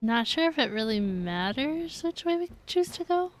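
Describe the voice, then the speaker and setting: A woman live-streams a video game, chatting casually with her viewers in a high, very animated voice at a moderate pace. There's a slight hiss or hum on the recording.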